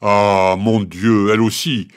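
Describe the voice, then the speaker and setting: A man's voice: fairly high pitch, big pitch swings, unhurried, fairly bright tone, voice pushed up, exaggerated voice. A man doing an anxious kindly old farmer. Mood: dismayed. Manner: anxious, coaxing, exclaiming. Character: kindly worried old farmer, fond of his goats. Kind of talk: storybook character voice.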